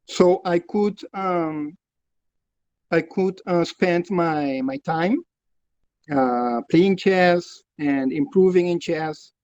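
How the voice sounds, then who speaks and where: A man living in Curacao, introducing himself on a video call, slow and hesitant with many pauses. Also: fairly high pitch, a little mellow, dry recording. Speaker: club member. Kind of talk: casual chat on video call. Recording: dull lo-fi call audio.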